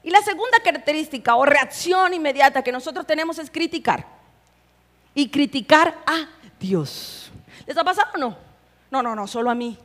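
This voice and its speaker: A young adult woman pastor giving an animated, humorous sermon, acting out the voices she quotes. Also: high voice, normal speed. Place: church hall. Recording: live in a church with long reverb.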